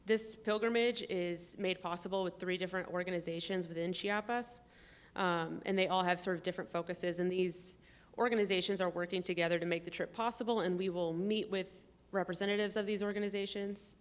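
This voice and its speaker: Woman laying out details steady and careful, lowish smooth voice, lots of ums. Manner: measured, explains step by step with frequent ums. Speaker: trip participant. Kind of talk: conversational explanation.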